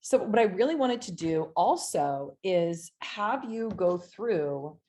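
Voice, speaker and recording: A woman's voice: lowish voice, animated, takes it slowly, warm tone. Chatty woman teaching an informal online class. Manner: chatty, informal, checking in with 'right?'. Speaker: hypnosis instructor.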